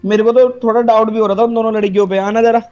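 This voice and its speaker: A man's voice: high-pitched, flat delivery, rapid-fire, a little mellow, dull audio, soft background music. A man streaming live, teasing and arguing with other players over game voice chat. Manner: teasing, argumentative.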